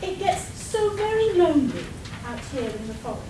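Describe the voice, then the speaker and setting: A woman's voice: extremely high pitch, big pitch swings, moderate pace, far from the mic. A woman playing a seductive, unstable half-weasel villainess in a melodramatic comic radio play, recorded live. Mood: lonely, brooding. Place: live performance at a convention, distant mic. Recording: echoey, noisy live hall recording from afar.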